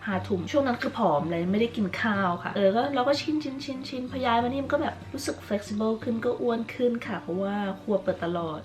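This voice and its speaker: A woman's voice: fairly high pitch, lively intonation, fast, hardly any pauses. A young woman vlogger chatting animatedly about her life abroad and reviewing an app, with lots of fillers. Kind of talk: casual chat and sponsored app review.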